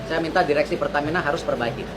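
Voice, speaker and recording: A man stands outside a petrol station and complains to the camera, demanding that things be fixed. His voice is slightly high for a man. Loud traffic noise runs behind him. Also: very fast.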